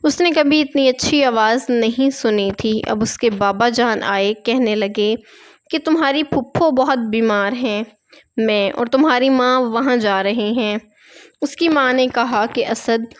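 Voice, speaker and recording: A woman reads a long tale aloud, her voice smooth and clear and set a touch above the usual pitch. She keeps a steady, gentle reading pace and folds the characters' lines into her own narration. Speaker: storyteller. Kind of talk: storybook narration.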